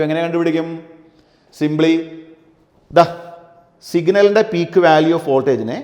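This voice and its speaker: A male physics teacher lecturing a class, dictating definitions slowly and asking his students questions. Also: on the high side, a little mellow. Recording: echoey room with long reverb.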